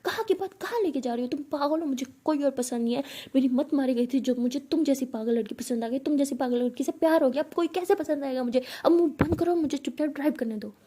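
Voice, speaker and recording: Woman doing a hot-tempered college girl who goes soft and whispery, high voice. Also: steady tone, fairly quick, vocal fry, slightly rough. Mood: exasperated. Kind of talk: storytelling role-play.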